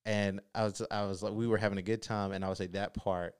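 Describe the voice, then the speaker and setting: In a casual chat with his wife, a father in his thirties, who co-hosts with her, lazily spins a trip story, laughing and lingering on words with slow emphasis. His voice is lowish, smooth and flat in delivery. The sound is dry and of studio quality.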